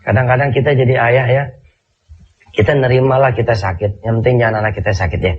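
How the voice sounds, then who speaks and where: A man's voice: medium pitch, fairly even intonation, fast, breathy edge. A man with an Indonesian accent gives an informal sermon to viewers at home. His voice is nasal and congested, as with a stuffy cold. He restates key phrases to drive them in, and the recording sounds dull and muffled. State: congested with flu, clearing throat. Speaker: Islamic preacher addressing TV viewers. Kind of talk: conversational televised sermon with Quran recitation.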